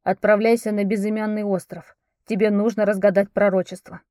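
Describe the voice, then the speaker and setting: A calm young prince, read by a woman in an audiobook. He speaks firmly and steadily, giving orders in a mellow, dry-sounding voice. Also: mid-range voice, fairly quick, dry recording, lightly acted. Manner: firm, calming, instructing. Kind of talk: audiobook character voicing.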